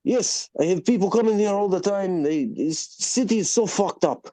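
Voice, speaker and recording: A man voicing a stern older male bagel shop owner, gruff and clipped. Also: high voice, moderate pace, mellow, no room sound, voice pushed up, close to an everyday voice.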